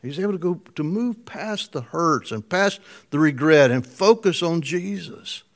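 A preacher with a high, light voice works through a sermon like a storyteller. He chuckles often as he goes. He swings from loud emphasis down to a near hush. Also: expressive, normal speed.

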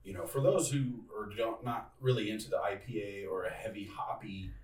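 A man's voice: lowish voice, expressive, fairly quick, a little mellow, recorded from a distance. A man, the podcast's engineer, chiming in casually with dry, joking asides. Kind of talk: casual chat. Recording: roomy and off-mic.

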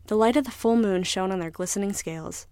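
A woman narrating a scripted story in a measured, even way. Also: medium pitch, no echo.

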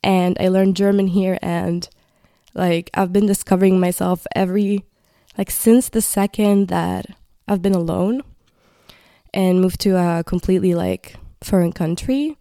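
A woman's voice: lowish voice, steady tone, unhurried, dark tone, no room sound, studio quality. A woman in her twenties from Palestine, hosting a casual solo podcast and rambling as she searches for words. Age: 20s. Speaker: podcast host.

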